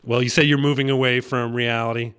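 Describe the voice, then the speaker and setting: A man's voice: mid-range voice, flat delivery, quick pace, a bit bright, clean tone. A man hosting a comedy podcast, playing the incredulous, politely needling interviewer in an improvised chat.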